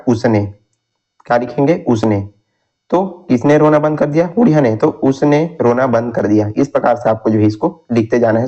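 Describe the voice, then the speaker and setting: A male teacher explaining a lesson. He asks a question, then answers it himself, and slowly repeats answers for students to write down. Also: mid-range voice, a little mellow. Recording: dull lo-fi sound.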